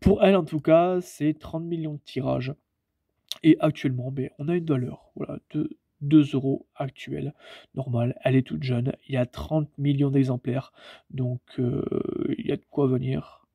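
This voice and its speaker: A young man with a French accent presenting a coin in a relaxed, hesitant way with many fillers. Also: medium pitch, moderate pace, creaky, slightly rough, no room sound. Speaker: coin collector YouTuber.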